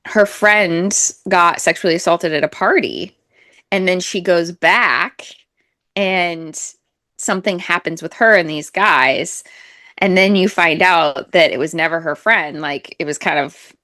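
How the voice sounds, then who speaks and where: A woman's voice: on the low side, unhurried, sharp tone, no echo, clean studio sound. A woman co-hosting a podcast, chatting casually about books with fillers and frequent laughs. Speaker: podcast co-host. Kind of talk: casual book chat.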